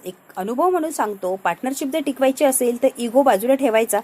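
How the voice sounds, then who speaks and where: A woman voicing a middle-aged businessman who gives measured advice in a TV serial recap. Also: high voice, animated, darkish tone. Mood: advising.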